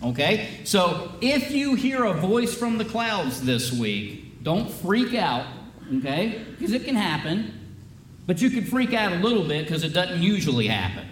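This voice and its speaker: Pastor giving a children's sermon, echoing. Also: male voice, sits high, big pitch swings, unhurried, a little hiss or hum. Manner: chatty, asks children many questions. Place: church sanctuary. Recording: roomy, from a distance.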